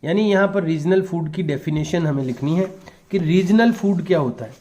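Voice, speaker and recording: A male teacher slowly dictating answers and translating each phrase for his pupils. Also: on the high side, mellow. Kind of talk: classroom lesson, bilingual explanation.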